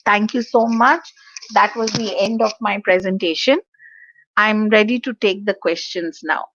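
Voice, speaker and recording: A woman's voice: medium pitch, a little slow, fairly bright tone. A woman with an Indian accent giving an earnest, encouraging psychology presentation to students over an online call, mixing English with Hindi. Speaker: psychology lecturer. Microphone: video call. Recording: muffled online call audio.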